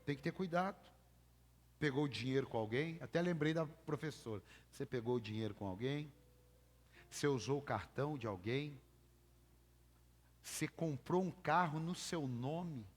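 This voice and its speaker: A man's voice: on the high side, animated, normal speed. Brazilian male pastor preaching in an echoing hall. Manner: emphatic, calls for congregation repetition. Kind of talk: sermon. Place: church.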